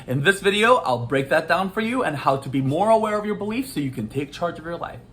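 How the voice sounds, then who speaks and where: A man working as a life coach, explaining a topic in a casual video, talking in a playful, animated way and often laughing. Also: on the high side, fast talker.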